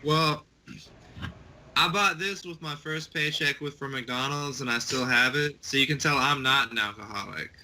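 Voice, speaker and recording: A man's voice: medium pitch, moderate pace, pushed and bright, slight background noise. A man co-hosting a podcast in casual, conversational talk. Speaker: podcast co-host. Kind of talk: casual chat.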